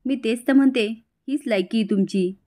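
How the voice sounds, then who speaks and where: A woman's voice: on the high side, normal speed, mellow, natural voice. A woman voicing a haughty, scheming young woman who speaks scornfully to the household staff in a retold TV serial.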